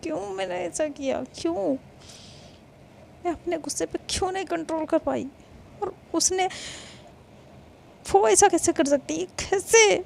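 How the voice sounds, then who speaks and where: A woman's voice: very high voice, measured pace, vocal fry, pauses often, a little hiss or hum, voice pushed up, full character voice. A woman voicing an upset young woman in a spoken romance story, firing off agitated, repeated questions. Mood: distraught. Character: young woman, upset and furious, rattled by heartbreak.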